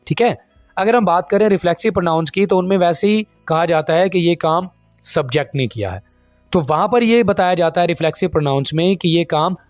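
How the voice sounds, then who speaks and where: A man teaching an English grammar lesson, explaining step by step, checking in with his viewers and reading English examples slowly. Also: fairly high pitch, dry recording. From Pakistan. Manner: reads the English example sentences slowly and deliberately.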